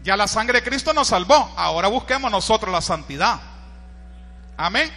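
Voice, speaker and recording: Man, Honduran accent, pastor, sermon, high piercing voice, lively shouting delivery, long hall echo. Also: moderate pace. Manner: animated preaching, shouts quoted cries, frequent rhetorical asides to listeners.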